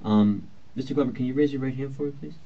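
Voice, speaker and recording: On an old, muffled lo-fi interrogation tape with faint hiss, a male police detective questions someone in an interview room. He is polite, procedural and reassuring, talking fast in a medium-pitched, creaky voice with a dark tone.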